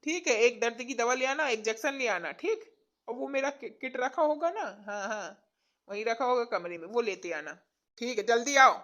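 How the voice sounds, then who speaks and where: A woman's voice: on the high side, animated, normal speed, a bit bright, dull audio. A woman voicing a brusque, rude male village doctor who scolds impatiently in a cartoon comedy. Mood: soothing.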